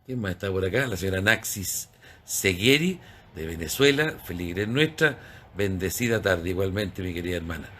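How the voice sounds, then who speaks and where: A man's voice: sits low, animated, moderate pace, a bit bright, a little hiss or hum. A man, a priest hosting a church program, explaining terms and greeting viewers. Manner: explanatory, spells out terms, asks rhetorical questions.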